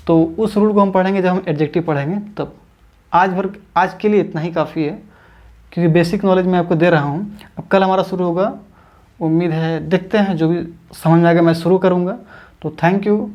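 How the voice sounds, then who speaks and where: The sound is lo-fi as a high-pitched man with fairly even intonation and a slightly mellow tone teaches English grammar online. He explains in steps, repeats key points, draws example words out slowly, and calls viewers friends.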